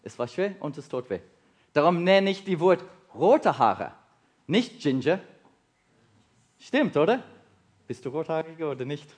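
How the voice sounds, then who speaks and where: A South African man, a native English speaker with a South African accent, delivers a sermon to a congregation in halting, non-native German, asking his listeners questions. His voice is a little high, with big swings in pitch.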